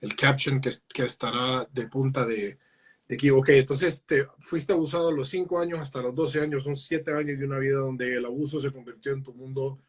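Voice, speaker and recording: A man's voice: medium pitch, fairly even intonation, fairly quick, breathy edge. A man hosting a live online interview, upbeat and chatty with hearty slang, on a studio microphone. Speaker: host. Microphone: new studio microphone.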